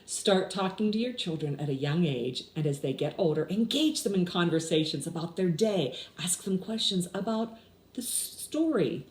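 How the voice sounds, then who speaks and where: Here the sixty-something storyteller sounds lowish and darkish in tone, animated, and moderately paced as she keeps explanations simple and quizzes the children. She's again in the small blinds-shaded room, captured with roomy echo and audible background noise.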